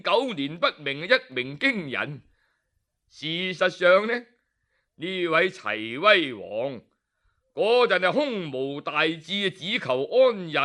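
A man with a Hong Kong Cantonese accent and a high-sitting voice tells a traditional story, animated and dramatic, with interjections and pauses.

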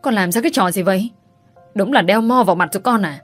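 A woman's voice: medium pitch, quick pace, soft background music, close to an everyday voice. A woman voicing a distraught middle-aged mother who wails reproaches at her daughter. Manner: wailing reproach.

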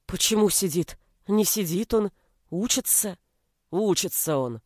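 A woman's voice: mid-range voice, lively intonation, measured pace, a little mellow, no room sound, clean studio sound. A woman voicing a worn-out, tearful middle-aged mother who pleads and laments. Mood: pleading.

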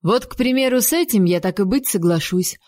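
A woman's voice: mid-range voice, animated, fairly quick, darkish tone, dry recording, studio quality, close to an everyday voice. A woman voicing an exasperated male king who snaps curt commands and bursts into theatrical outrage. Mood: stern.

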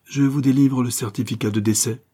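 A man voicing a calm young emergency doctor who speaks in a matter-of-fact way, in an audiobook. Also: medium pitch, a little fast, breathy edge, lightly acted.

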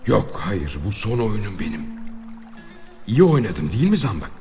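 A man voicing a defiant, wry outlaw man who has been shot, speaking in a low, subdued inner monologue. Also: big pitch swings, moderate pace, a little mellow, big-room sound, soft background music. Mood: dazed, wry.

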